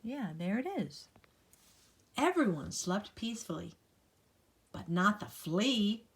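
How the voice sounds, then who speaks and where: An older woman reads to young children from a picture book in a mid-range voice, very animated and at a slow pace. Her grandmotherly reading is a playful sing-song with dramatic emphasis on lists, and she chats directly with the kids along the way.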